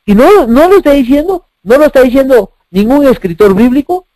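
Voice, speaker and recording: A man's voice: very high-pitched, expressive, brisk, warm tone, no room sound, rough recording. A man preaching a sermon, emphatic, asking rhetorical questions and repeating phrases.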